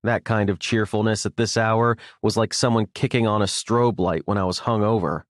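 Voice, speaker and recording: A male audiobook narrator tells the story in the first person, low-pitched and wry with a sardonic bite. The studio sound is close and dead dry. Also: steady tone, normal speed, dry recording. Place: recording studio. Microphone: close studio mic.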